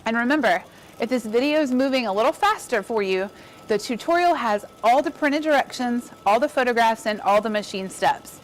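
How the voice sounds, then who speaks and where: Woman, embroidery instructor, upbeat, chatty, slightly high voice, faint background hum. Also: animated, a little fast. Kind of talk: casual demonstration.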